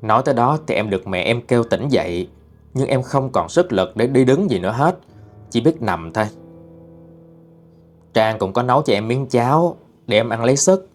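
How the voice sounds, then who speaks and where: A man's voice: medium pitch, lively intonation, moderate pace, long pauses. A man narrating a first-person ghost story in a plain, mournful way. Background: faint music.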